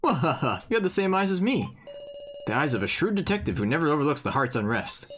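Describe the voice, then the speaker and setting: A woman playing a smug, easygoing detective man, boastful and unhurried. Her very deep natural voice carries the part, and the lines swoop with a lively lilt. Game music plays behind it. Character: cocky, easygoing adult male detective. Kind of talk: reading game dialogue aloud.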